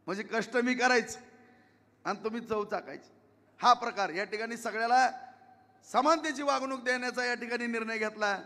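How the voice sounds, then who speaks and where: A man's voice: very high voice, moderate pace, bright, forceful tone, long reverb tail. A man giving an emphatic campaign rally speech as an election candidate, repeating himself and pleading with the crowd. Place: outdoor public rally.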